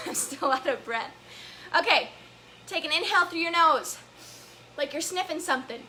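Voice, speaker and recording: A woman's voice: high voice, bright, forceful tone, a little hiss or hum, poor audio. A woman leading a children's story time, upbeat and playful, guiding wiggles and breathing and laughing often. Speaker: story time family educator.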